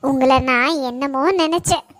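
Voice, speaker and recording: A woman voicing a hot-headed college girl in a cartoon, accusing and shouting. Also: sits high, fairly even intonation, normal speed, dry recording. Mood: furious. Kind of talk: Tamil cartoon voice acting.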